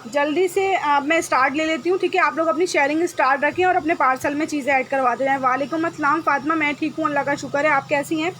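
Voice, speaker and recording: A woman hosting a live-stream clothing sale, talking briskly and checking with viewers again and again. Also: sits high, fairly even intonation, fairly bright tone, slight background noise. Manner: brisk, repetitive, checks with "okay?" often. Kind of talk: live-stream sales chat. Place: home room with generator noise.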